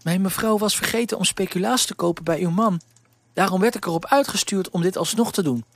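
A man's voice: high voice, fairly quick, dry recording, pitched above the performer's own voice. A man voicing a polite, shy twelve-year-old servant girl in a storybook reading, with a raised, earnest voice.

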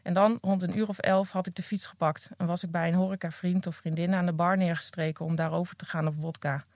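A woman's voice: lowish voice, flat delivery, fast, darkish tone, dry recording. A woman reading aloud from her own memoir in an earnest, candid first-person voice, recorded close on a podcast mic. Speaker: recovering addict reading from her own book.

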